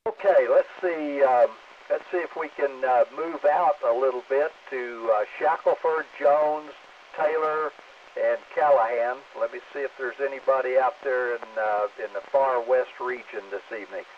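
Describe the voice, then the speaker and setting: A man's voice: medium pitch, moderate pace. Man on a staticky ham radio. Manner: easygoing, many fillers. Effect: radio transmission with static. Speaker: ham radio net control. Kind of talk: amateur radio net check-ins. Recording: distant, phone-like radio with faint static.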